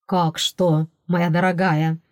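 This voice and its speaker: A woman reading an audiobook, voicing a calm, teasing young male crown prince in a slow, measured, dryly ironic way. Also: fairly low pitch, no room sound, studio quality. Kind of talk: audiobook character voice.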